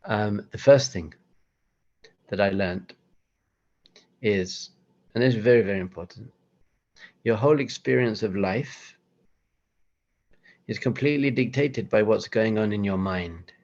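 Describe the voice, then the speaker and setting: A man with a low, gravelly voice gives a motivational talk with slides, chatty and self-deprecating. He often breaks into little acted-out voices. The recording is dull and lo-fi. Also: measured pace, pauses often, a little mellow. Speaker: rabbi giving a talk.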